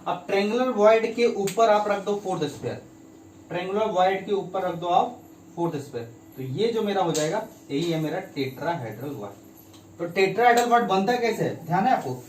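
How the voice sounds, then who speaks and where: A man's voice: high-pitched, lively intonation, normal speed, a little mellow, a little hiss or hum. A man teaching a chemistry lesson, constantly asking the class questions and repeating key terms. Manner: keeps asking students quiz questions; mixes in English terms, repeats key phrases. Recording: echoey room, mic at a distance.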